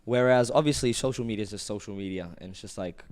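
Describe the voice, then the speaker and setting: Smooth-voiced young man telling his story. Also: lowish voice, fast, a little mellow. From Ethiopia. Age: 20s. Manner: earnest, reflective storytelling. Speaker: clothing brand founder. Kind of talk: casual podcast chat.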